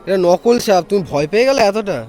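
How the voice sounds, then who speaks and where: A man's voice: high-pitched, animated, fast, music in the background. A man vlogging casually outdoors who keeps repeating himself insistently. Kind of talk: casual vlog chat.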